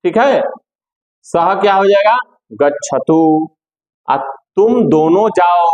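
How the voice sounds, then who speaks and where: A man teaching a classroom lesson, slow and patient, repeating each step for his students. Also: high voice, expressive, a little mellow, rough recording.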